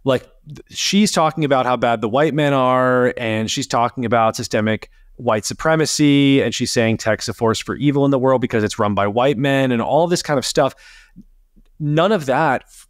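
A man's voice: moderate pace, no room sound. Sarcastic man on a dry podcast mic. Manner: animated, sarcastic, rising pitch on emphasis. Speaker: podcast co-host. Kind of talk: casual panel chat.

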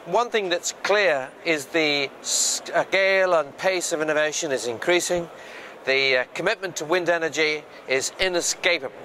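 A man's voice: a little high, bright, forceful tone, slight background noise. Older man explaining energy trends. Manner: measured, explanatory, with occasional hesitations. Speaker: futurist speaker. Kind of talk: on-camera explainer to camera. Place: large indoor trade fair hall. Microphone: lapel mic.

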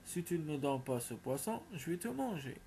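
A man voicing a frightening, greedy female ogress from a folk tale, loud and demanding. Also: fairly high pitch, sing-song, normal speed, a little hiss or hum.

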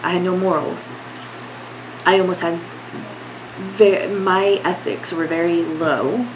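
With a fairly low pitch and a stuffy, cold-affected voice, a young woman talks to camera from her bedroom at home. It's a candid, rambling, filler-packed chat, and there's noise in the background.

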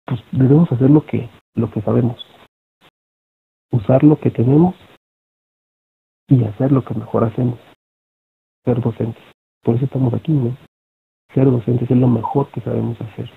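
Man, Mexican accent, teacher lecturing online, gravelly, husky, tinny phone-like sound. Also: medium pitch, steady tone, normal speed, pauses often. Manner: conversational, fillers and tag questions. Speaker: teacher presenting an online session. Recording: phone-like thin audio.

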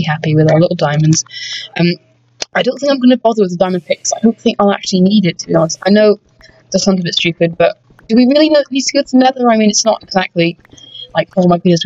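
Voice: medium pitch, darkish tone. Rambling game commentator, lo-fi. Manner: chatty, rambling, frequent ums, addresses viewers as people. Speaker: gaming channel host. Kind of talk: let's-play commentary. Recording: dull, dry lo-fi home recording.

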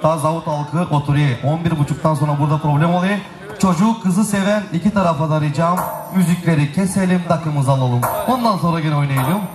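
A man announcing gifts at a wedding in a booming, commanding manner, calling out to guests and directing them. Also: brisk. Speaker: wedding gift-ceremony announcer. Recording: echoey live event, loud music and crowd. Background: loud music and crowd.

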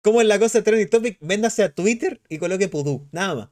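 A man's voice: high-pitched, fast talker. A young man with a Chilean accent, chatting casually on a live stream and reading chat aloud. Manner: animated, slangy, reads chat aloud.

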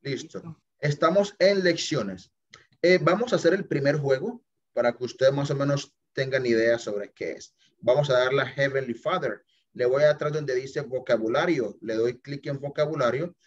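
The audio is dull, lo-fi video call sound. A man of medium pitch and moderate pace walks his English students through an app on screen share, talking in a chatty way, slipping into English phrases, and checking in regularly with "listo?" and "ok?".

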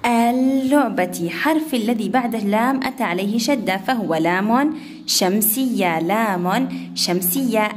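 A woman teaching young children to read, sounding words out slowly syllable by syllable. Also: medium pitch, a little hiss or hum. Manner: slow, drawn-out syllable-by-syllable reading. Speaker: first-grade Arabic teacher. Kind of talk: online class lesson.

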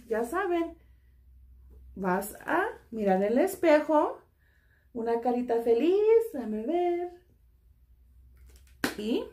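A woman teaching a children's drawing lesson, gently checking in with "ok" after each step and slipping English "so" into her Spanish. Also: a little high. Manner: soothing, talks to toy friends.

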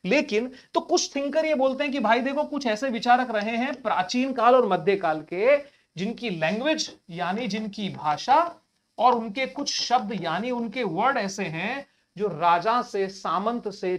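A man's voice: high-pitched, unhurried. Man teaching with rhetorical questions. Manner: conversational, rhetorical questions to students; colloquial address to listeners. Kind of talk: exam-prep lecture.

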